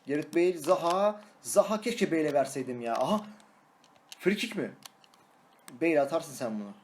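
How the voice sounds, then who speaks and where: A young man, a gaming YouTuber, giving excitable live commentary on his own match, shouting and singing at goals and teasing his opponent. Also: fairly high pitch, normal speed.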